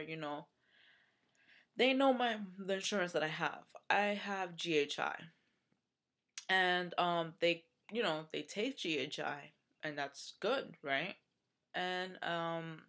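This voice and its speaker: A woman's voice: lowish voice, a bit bright. A young woman from the United States in a casual vlog, venting with frustration, swearing and using lots of fillers, with a runny nose. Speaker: vlogger.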